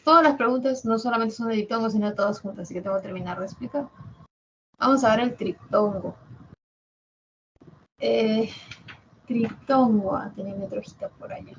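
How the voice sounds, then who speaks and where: A woman from Peru with a Peruvian Spanish accent, a language teacher giving a classroom lecture and slowly sounding out example words syllable by syllable. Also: a little high, dull audio, a little hiss or hum. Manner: explains patiently, drawing out example words syllable by syllable.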